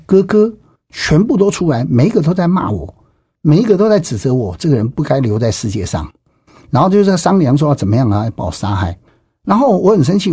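Husky middle-aged man, Taiwanese Mandarin. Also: fairly high pitch, mellow, no echo. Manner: emphatic, with frequent exclamations and repetitions. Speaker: interviewee giving personal testimony. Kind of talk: personal testimony storytelling.

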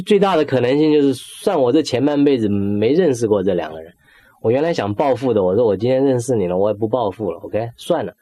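A middle-aged man tells a personal faith testimony in a low, mellow voice. He talks with feeling and acts out his own prayers. The sound is close and dry, with no room around it. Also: dry recording. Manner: emotional storytelling, quotes his own prayers, mixes in English words. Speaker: testimony speaker.

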